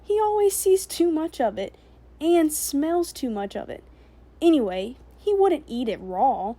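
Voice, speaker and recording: A woman's voice: fairly high pitch, lively intonation, normal speed, warm tone. Woman doing a chattering young girl. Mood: chatty. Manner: raised, chattering girlish voice. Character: young Danish girl, quick-witted and stubborn.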